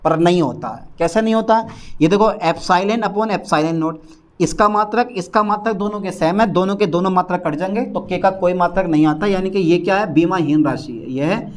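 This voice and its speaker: A man teaching a physics class, dictating notes slowly, repeating each phrase and quizzing his students. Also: high voice.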